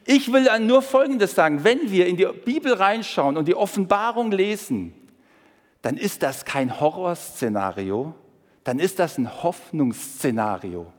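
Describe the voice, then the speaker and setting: A man's voice: high-pitched, lively intonation. Emphatic male preacher in a reverberant hall. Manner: emphatic, swings between raised and hushed tones, slows for quoted scripture. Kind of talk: sermon.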